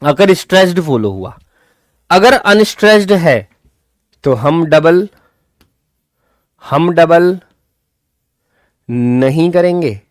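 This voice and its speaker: A man teaching a live online class in a lively, swooping voice that sits a little high for a man. He hammers each rule home by repeating it and keeps nudging his students along. The sound is dry and close, with no room around it. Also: takes it slowly, long pauses, no room sound. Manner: animated, repeats key points, calls students "kids". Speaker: English grammar teacher.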